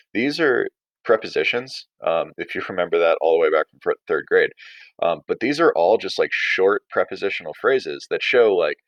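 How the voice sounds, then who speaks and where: A man with a low voice teaches a writing lesson informally, thinking aloud as he explains and reading a story aloud. The recording is lo-fi with no echo.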